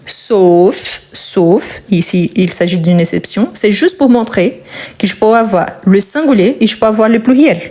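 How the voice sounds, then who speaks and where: A woman's voice: mid-range voice, animated, warm tone. A young woman teaching French grammar, with Portuguese as her first language, explaining step by step and repeating key words. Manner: patient, explains step by step with pauses and repetition. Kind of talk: grammar lesson.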